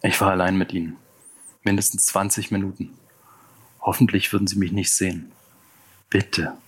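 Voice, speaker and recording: A man with a fairly low voice reads a first-person audiobook. His delivery is measured and tense, in steady scripted narration. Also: breathy edge.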